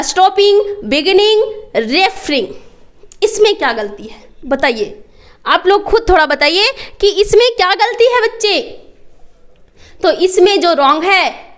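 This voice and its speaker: Young female teacher with a high-pitched voice; patient classroom explainer who checks understanding after every point. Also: fairly bright tone. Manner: constantly quizzes students, checks understanding; slow, spelled-out explanations. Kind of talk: classroom lesson.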